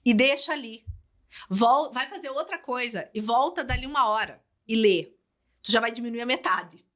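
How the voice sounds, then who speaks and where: Mulher brasileira de voz aguda e brilhante. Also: female voice, fairly high pitch, normal speed. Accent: Brazilian Portuguese. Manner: animated, explanatory, speaks in advice. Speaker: psychologist and couples therapist guest. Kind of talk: podcast conversation.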